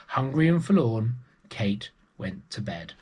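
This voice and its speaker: Reading a picture book aloud for early years children, this man speaks in a low-leaning, darkish, husky voice that is very animated yet unhurried. He performs the story expressively and breaks off for chatty remarks to the kids.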